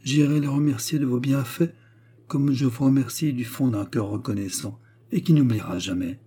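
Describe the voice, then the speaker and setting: A man's voice: medium pitch, moderate pace, warm tone, slightly rough, lightly acted. A man reading as a tearful young working woman. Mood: tearful pleading. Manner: pleading and broken.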